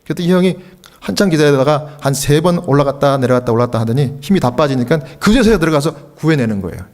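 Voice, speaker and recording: A middle-aged man from Korea, a pastor preaching at a revival meeting, telling a story and acting out the voices in it, often rising to shouts. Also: lively intonation, fast talker. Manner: acts out quoted voices, shouting the high parts. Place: church sanctuary.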